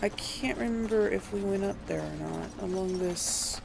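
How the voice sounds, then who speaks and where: A let's play host gives casual video game commentary, musing aloud and questioning herself while she plays. Her voice is medium-pitched and gravelly at a normal speed, with background noise present.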